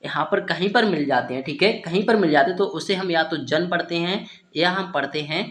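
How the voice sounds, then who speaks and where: A man's voice: fairly high pitch, fairly quick, a bit bright. A man teaching beginners to spell and pronounce English words letter by letter, often asking a question and answering it himself. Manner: repeats ठीक है, asks and answers himself. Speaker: English tutor. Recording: roomy echo.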